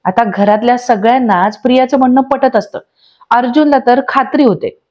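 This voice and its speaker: A woman's voice: a little high, normal speed, a little mellow, muffled recording, close to an everyday voice. A woman reading the lines of an accused young lawyer who insists on her innocence. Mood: insistent.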